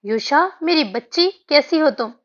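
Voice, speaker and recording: A woman's voice: high voice, lively intonation, unhurried, fairly bright tone. A woman voicing a loving, doting middle-aged mother in an audiobook. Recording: dull lo-fi audio.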